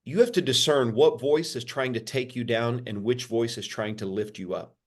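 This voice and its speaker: A pastor, a man, answering interview questions in a sermon-like way, repeating phrases and lifting his pitch for emphasis. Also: normal speed. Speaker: pastor, podcast guest.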